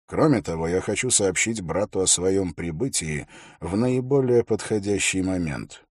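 A man voicing a gruff, grey-bearded old ranger who speaks in a dry, wry, unhurried way. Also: deep voice, animated, darkish tone, dry recording.

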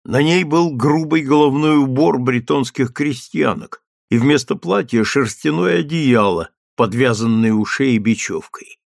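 A man narrating an audiobook in a steady, measured reading. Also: mid-range voice, vocal fry, no echo, clean studio sound. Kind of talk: scripted narration.

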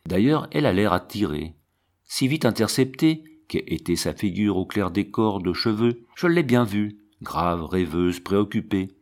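A man reading a classic novel aloud as an audiobook, in a measured narrating voice. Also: on the low side, darkish tone. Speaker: audiobook reader.

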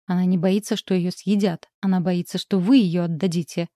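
A woman's voice: on the low side, steady tone, brisk, warm tone, no room sound, clean studio sound, lightly acted. A woman reading aloud, voicing a grown woman who earnestly reproaches her own mother. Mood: reproachful. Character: adult woman, reproachful and reasoning.

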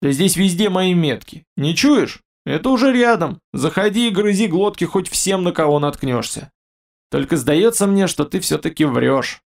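A man voicing a huge, ancient male beast guarding treasure, gruff, blunt and suspicious. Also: sits high, lively intonation, moderate pace. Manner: grumbling, blunt, menacing. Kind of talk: audiobook character voice.

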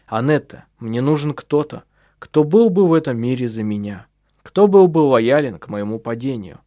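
A man reads a novel aloud in a calm storytelling manner. His intonation moves freely through the phrases. The recording is dry and close. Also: mid-range voice, normal speed, dry recording. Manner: calm, even storytelling, voicing the husband in his own register. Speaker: narrator. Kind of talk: audiobook narration of a novel.

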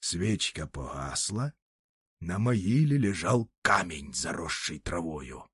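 Man, storybook narration, dramatic, lively pitch, dry close sound. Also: slow pace, husky, no room sound. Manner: expressive, dramatic reading.

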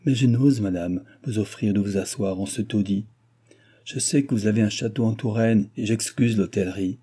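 A man's voice: on the low side, moderate pace, warm tone, husky. A man voicing a stiff, guarded old noblewoman who complains of her misfortune.

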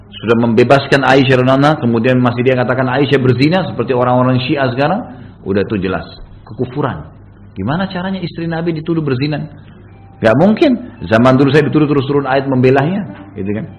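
A man delivering a storytelling sermon at a rapid clip. He keeps turning to his listeners with rhetorical tag questions. The recording is muffled and lo-fi. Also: mid-range voice. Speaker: preacher.

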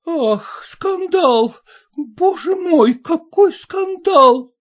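A man's voice: very high-pitched, expressive, drawn-out words, voice pushed up, heavily acted. A man voicing a scolding, fussy middle-aged mother, reading a story aloud in a nagging tone. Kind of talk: audiobook character voice.

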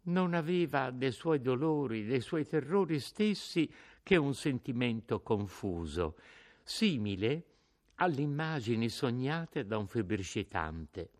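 Slow, expressive male audiobook narrator. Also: medium pitch. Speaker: audiobook reader.

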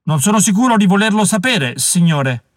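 A man's voice: high-pitched, animated, moderate pace, no room sound, studio quality, pitched above the performer's own voice. A man doing a scared, blustering coachman. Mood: tense. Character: tipsy, scared servant coachman.

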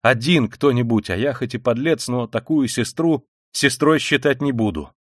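A man's voice: mid-range voice, lively intonation, moderate pace, no echo, clean studio sound, lightly acted. A man reading an audiobook voices a feverish, exhausted young man who speaks in irritable, clipped demands. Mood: commanding.

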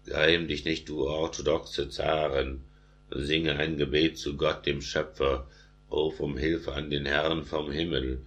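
A man's voice: a bass voice, little pitch movement, slow pace, fairly bright tone, heavily acted. A man voicing a cunning, wise royal adviser in a read-aloud epic poem, soothing and calculated.

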